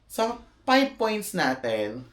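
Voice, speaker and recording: Lively, bright-voiced man with an echo. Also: sits high, a little hiss or hum. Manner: animated, teasing, quick asides. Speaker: co-host explaining the voting rules. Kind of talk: casual chat. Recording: roomy echo.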